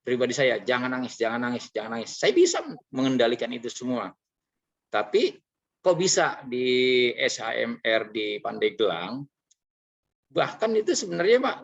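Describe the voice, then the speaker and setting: A man earnestly sharing a personal testimony, halting and confessional, with frequent filler sounds. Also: mid-range voice, vocal fry, muffled recording. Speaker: training participant sharing his experience.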